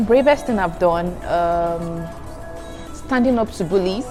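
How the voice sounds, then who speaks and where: This young adult student vlogger from Nigeria, whose first language is Igbo, takes her time answering questions in a casual chat to viewers. Her voice is lowish, and music plays beneath it. Chatty throughout, she says "guys" to her audience and giggles between answers.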